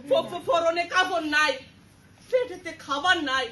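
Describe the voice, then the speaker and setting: A woman's voice: extremely high pitch, unhurried, pushed and bright, heavily acted. A woman playing a greedy man who chants for money and mocks others on a stage. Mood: whining. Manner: chanting, mocking, blustering. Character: greedy money-mad man cutting down the forest. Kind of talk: stage drama acting. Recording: echoey hall from far off with crowd.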